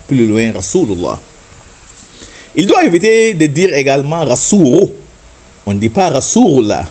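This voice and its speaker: A man teaching a religious lesson in a slightly husky voice. His pitch moves a lot as he explains points patiently and sings out words to show how they should sound. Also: a little mellow. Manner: patient, explanatory, demonstrates chanted Arabic words and repeats "n'est-ce pas". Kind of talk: religious instruction talk.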